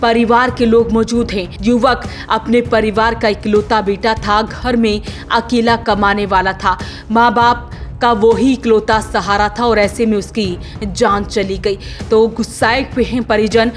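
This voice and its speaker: A woman's fairly high voice reads a scripted news report over a faint music bed. She keeps a steady, formal tone. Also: unhurried.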